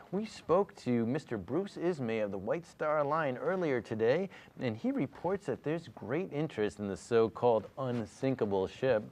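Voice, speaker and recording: A man playing a TV news anchor in a parody newscast, halting and stammering in his delivery. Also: mid-range voice, a little mellow, close to an everyday voice. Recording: slightly dull, lo-fi audio.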